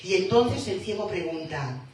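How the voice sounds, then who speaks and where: A woman preaching a sermon in a church, slow and emphatic, rising to fervent calls. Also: fairly low pitch, expressive, a little mellow, slight background noise. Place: church hall. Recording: echoey hall, voice from far off.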